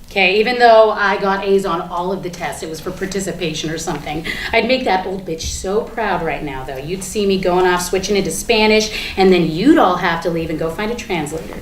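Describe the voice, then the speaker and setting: In a staged reading, a woman performs a dramatic monologue as a defiant, foul-mouthed suspect under questioning, rambling in a chatty, sarcastic, halting way and breaking into nervous laughs. Her lowish voice is lightly acted and recorded from a distance in an echoey room with faint background noise.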